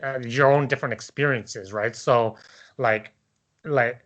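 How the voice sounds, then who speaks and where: This man speaks in a mid-range voice with a steady, slightly bright tone and a somewhat slow pace. Caught up in casual debate, he wanders through his thoughts hesitantly, repeatedly seeking agreement with tag questions.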